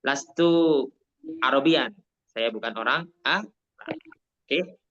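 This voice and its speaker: A man from Indonesia with a Javanese accent, teaching Arabic in an online class, mixing Arabic and Indonesian and repeating things slowly to explain. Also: medium pitch, fairly bright tone, dull audio.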